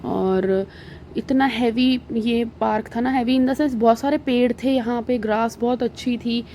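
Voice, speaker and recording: A woman with an Indian accent talks over her family travel footage in an easy, rambling way, pausing often on small fillers. Her voice sits a little high but sounds warm and mellow. A faint hiss of noise runs under the recording. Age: adult with young children. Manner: chatty, relaxed storytelling with many fillers. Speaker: vlogger.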